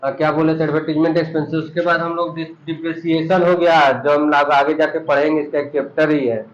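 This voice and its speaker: A man's voice: on the high side, flat delivery, quick pace. A man teaching an accounting class, explaining terms and quizzing his students with repeated questions. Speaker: commerce teacher. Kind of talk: classroom lesson. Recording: dull echoey room recording.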